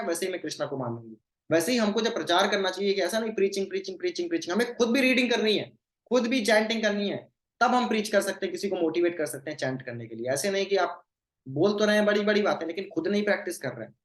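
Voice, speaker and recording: Devotional teacher in a roomy echo. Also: mid-range voice. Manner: recites Sanskrit verses slowly, then explains them; mixes English phrases into the talk. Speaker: scripture teacher. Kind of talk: devotional scripture class.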